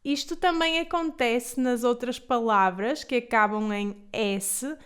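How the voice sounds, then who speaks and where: A woman with a European Portuguese accent teaching pronunciation, saying model words slowly and carefully for students to repeat. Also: a little high, fairly bright tone, smooth. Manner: slow, carefully enunciated model words for repetition. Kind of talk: pronunciation lesson.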